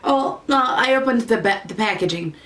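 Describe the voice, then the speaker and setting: A woman's voice: a little high, lively intonation, normal speed, fairly bright tone. A woman beauty vlogger casually chatting through a makeup unboxing, rambling and easily delighted, sometimes in a sing-song voice.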